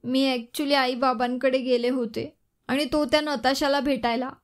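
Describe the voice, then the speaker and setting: A woman's voice: high voice, flat delivery, a little slow. A woman voicing an upset young wife who answers sharply and through tears. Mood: tearful. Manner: sharp and tearful.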